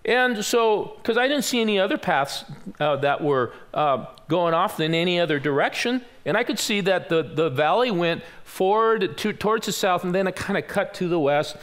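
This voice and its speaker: A man's voice: high voice, lively intonation, normal speed, hardly any pauses, fairly bright tone. Storytelling older man preaching a sermon. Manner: storytelling, acts out quoted voices, self-deprecating humor. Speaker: pastor. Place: church sanctuary.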